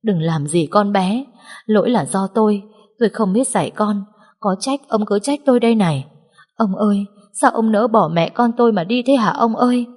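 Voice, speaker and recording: A woman's voice: mid-range voice, normal speed, darkish tone, voice pushed up, lightly acted. A woman voicing a grieving elderly mother who wails and pleads through tears. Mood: wailing. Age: older. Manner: wailing, pleading. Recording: long hall reverb.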